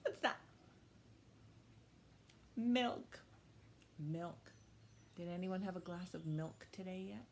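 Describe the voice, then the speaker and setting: A woman with a low-leaning voice takes her time, leaving long pauses, with a little hiss or hum in the audio. Hosting storytime for young children, she uses short phrases and simple questions and reads a picture book aloud expressively.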